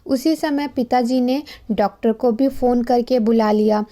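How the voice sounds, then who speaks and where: Slow, mellow-voiced woman teacher. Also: a little high. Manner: patient, asks and answers own questions. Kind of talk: explaining a textbook chapter.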